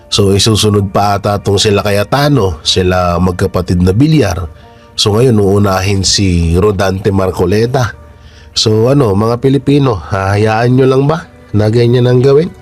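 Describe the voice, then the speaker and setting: A man with a lowish voice, stuffed up by nasal congestion, gives his followers informal political commentary. He speaks haltingly in a congested, blocked-nose voice and often poses rhetorical questions.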